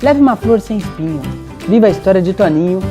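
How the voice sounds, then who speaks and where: Lively Brazilian woman reciting a rhymed tale. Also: mid-range voice, fast. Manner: lively, rhythmic, dramatic telling. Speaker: storyteller. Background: soft guitar music.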